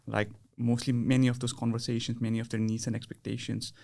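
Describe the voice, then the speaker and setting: A man's voice: mid-range voice, level tone, fast, creaky, a little mellow. A young man from Nepal, a podcast guest, speaking in a casual, hesitant interview manner with frequent restarts. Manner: hesitant, many restarts and fillers.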